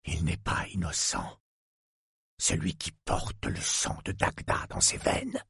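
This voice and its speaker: A man voicing a menacing middle-aged male antique dealer, a villain who talks in a cold, slow, hushed and threatening way. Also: deep voice, animated, creaky, slightly rough, no echo, studio quality, pitched below the performer's own voice, full character voice. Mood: coldly menacing.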